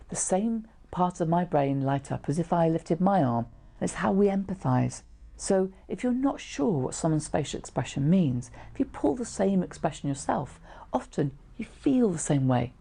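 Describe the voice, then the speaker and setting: A woman's voice: sits low, gravelly, mellow. A middle-aged woman presenting an informal lesson to camera, explaining things in a conversational way. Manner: explanatory, conversational, with short illustrative asides. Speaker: trainer teaching how to read facial expressions. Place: small indoor room, seated.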